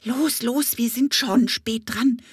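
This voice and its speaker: A bossy little bumblebee girl buzzes along in a high, hurried voice, scolding and urging everyone on, as a woman puts her on for a children's audiobook. Her lines are loud and pushy, and the recording is dry and close. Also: breathy edge, no room sound, heavily acted. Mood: urgent scolding. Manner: urgent, scolding.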